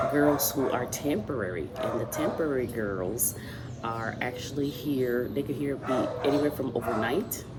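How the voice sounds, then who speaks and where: A Dominican woman hosts a casual talk outdoors, with roosters and dogs nearby, speaking conversationally with frequent fillers and restarts. Her voice is bass-deep, and there's heavy background noise.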